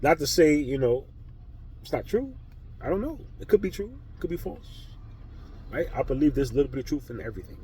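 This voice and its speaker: A man's voice: on the high side, very animated, fairly quick, mellow, a little hiss or hum, poor audio. A man vlogging a blunt, profane spiritual monologue with heavy emphasis.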